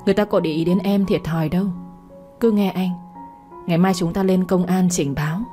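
A woman reading the part of a resolute young man who urges sharply, in a low, warm voice. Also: fairly even intonation, fairly quick, soft background music, lightly acted. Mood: insistent. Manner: sharp, insistent urging. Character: firm, protective young man.

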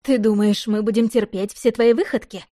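A woman's voice: medium pitch, fairly even intonation, moderate pace, dark tone, no echo, clean studio sound, close to an everyday voice. A woman voicing a furious young sister who shrieks with contempt. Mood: accusing.

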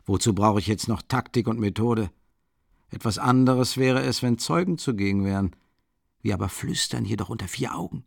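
An actor voicing a shrewd middle-aged investigator who speaks in a calm, insistent half-whisper. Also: male voice, lowish voice, normal speed, gravelly, no echo, clean studio sound. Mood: calm, persuasive.

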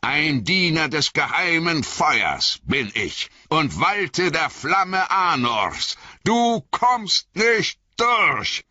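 A man voicing an old male wizard, weary yet commanding, with slow, drawn-out words, read for an audiobook. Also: very deep voice, big pitch swings, gravelly, pushed and bright, husky, dry recording, highs cut off, pitched below the performer's own voice, exaggerated voice. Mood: commanding, defiant. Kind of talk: audiobook character voice.

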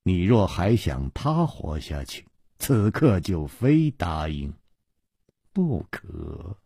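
A man's voice: low-pitched, very animated, husky, no echo, studio quality, pitched below the performer's own voice, full character voice. A man voicing a cold, scheming young villain. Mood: coldly calculating. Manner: slow, hushed, drawn-out threats. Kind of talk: Chinese storytelling radio reading.

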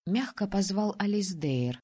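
A woman reading first-person narration for an audiobook in an even, measured way. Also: mid-range voice, husky.

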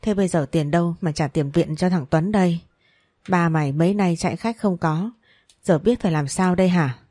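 A worried middle-aged mother frets and nags her daughter about money, voiced by a woman reading the story. The voice is low and dark-toned, in a dry recording. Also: normal speed, no room sound, lightly acted. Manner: anxious, nagging.

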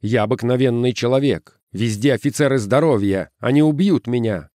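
A man's voice: mid-range voice, normal speed, warm tone, no room sound, clean studio sound, natural voice. Hunted ordinary guy, urgent and pleading, voiced by a male narrator, audiobook. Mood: tense pleading. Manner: pleading, insistent. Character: ordinary hunted man, desperate but reasoning.

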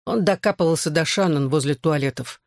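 A man's voice: on the high side, brisk, no room sound, studio quality. A man narrating a first-person novel as an audiobook, in a terse, intense manner.

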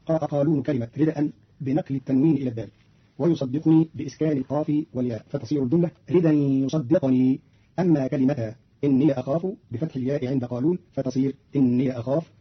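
A man presenting on radio, explaining recitation variants in a measured, precise way and quoting verses. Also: mid-range voice, fairly even intonation, husky. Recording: dull old radio broadcast.

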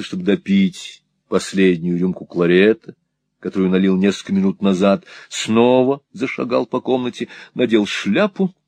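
A male audiobook narrator reads a classic novel in a measured, dramatic manner. His voice is deep and somewhat husky. The recording is close and dry, with no audible room. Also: darkish tone, dry recording.

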